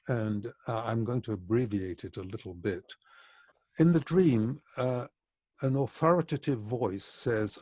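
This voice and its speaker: A man with a low voice gives a reflective lecture in a measured, explanatory way. His tone is husky and mellow. The sound is dry and close. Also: no room sound. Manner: measured and explanatory, slowing for emphasis.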